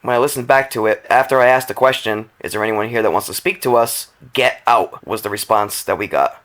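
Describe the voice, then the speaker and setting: A man co-hosting a casual podcast from New England, telling stories in an animated way. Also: on the low side, a little fast. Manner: storytelling, animated about spooky finds. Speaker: podcast co-host. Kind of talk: casual chat.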